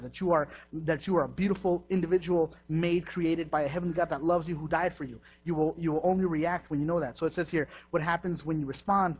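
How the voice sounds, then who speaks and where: A man preaching a sermon in a lively, joking way, often repeating himself, in a dull lo-fi recording. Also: fairly high pitch, slightly rough.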